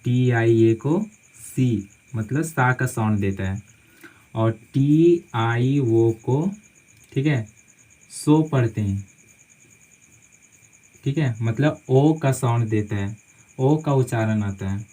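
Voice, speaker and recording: A man's voice: medium pitch, slow, pauses often, dark tone, low-quality recording. A man teaching English spelling rules in a classroom-style lesson, spelling words out letter by letter and repeating each phrase with a "theek hai" check after most points.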